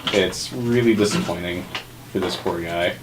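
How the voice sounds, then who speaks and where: A man's voice: low voice, normal speed, noisy background. A man running a tabletop game as game master, narrating casually with a dryly joking manner. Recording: group room with chatter behind.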